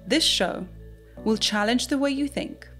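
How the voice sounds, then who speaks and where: A woman in her thirties hosting a podcast from a living room, enthusiastic and warm, speaking into a studio mic. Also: fairly high pitch, unhurried, faint music behind. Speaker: podcast host. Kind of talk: podcast intro and interview. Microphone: studio mic on boom arm.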